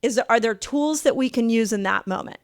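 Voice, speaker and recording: A middle-aged woman hosts a podcast interview in a conversational style, affirming her guest and thinking out loud with frequent restarts. Her voice is fairly high and brisk, captured in a dry, studio-quality recording.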